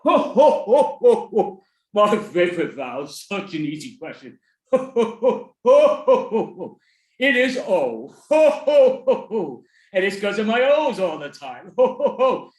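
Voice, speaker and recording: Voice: medium pitch, sing-song, a little slow, a little mellow. A performer putting on a jolly Santa Claus voice who keeps breaking into ho ho ho laughs, recorded in an echoey room. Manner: laughs ho ho ho between phrases.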